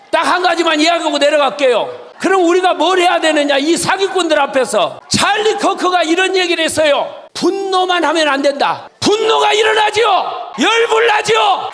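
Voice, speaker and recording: A man from the Jeolla region giving a fiery political speech to a crowd, shouting and firing rhetorical questions at the audience. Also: extremely high pitch. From Jeolla region, South Korea. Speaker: rally speaker. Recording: reverberant hall with faint crowd.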